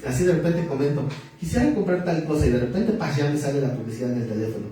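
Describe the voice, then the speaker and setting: A man's voice: on the high side, animated, fast talker, warm tone, soft background music. Chatty male pastor in an echoey hall. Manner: conversational, joking, asks the audience questions. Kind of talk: sermon. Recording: very echoey hall, far from the mic, faint noise.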